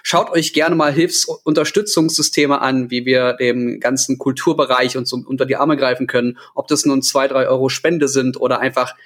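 A man in his thirties on a podcast, talking earnestly in casual chat and pausing on fillers as he searches for words. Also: mid-range voice, steady tone, fairly bright tone. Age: 30s. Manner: earnest, hesitant with many fillers. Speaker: podcast co-host.

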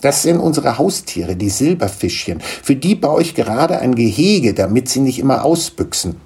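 A little bearded dust gnome, as a storyteller puts him on, raised high above a man's normal range and full of gravel and rasp. He talks in a fussy, lively singsong that swoops up and down. Storybook reading with a warm, husky tone. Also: normal speed, full character voice. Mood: eager chatty. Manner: fussy, excitable, tearful complaining. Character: small bearded male dust gnome, grumpy yet kind.

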